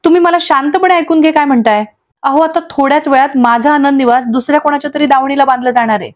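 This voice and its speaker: A woman's voice: sits high, fast talker, dull audio, lightly acted. A woman voicing a distraught young wife who pleads and accuses through tears in a storybook recap. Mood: tearful, angry. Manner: pleading, accusing, breaking into sobs.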